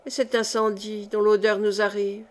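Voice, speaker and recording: A woman's voice: medium pitch, little pitch movement, normal speed, close to an everyday voice. A woman voicing a vain, sceptical old male royal steward in an audiobook. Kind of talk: audiobook character reading.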